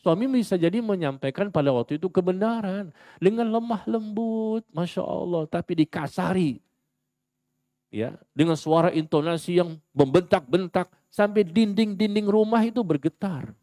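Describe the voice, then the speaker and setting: A man preaches in a mosque with a fairly high voice and dry, close sound. He is lively and theatrical, playing out the voices he quotes. He questions the congregation directly. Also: moderate pace, no echo. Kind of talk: sermon.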